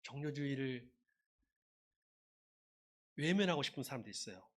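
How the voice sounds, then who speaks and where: A man preaching a sermon as a pastor, lively and conversational, leading his congregation in call-and-response shouts. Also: mid-range voice, normal speed.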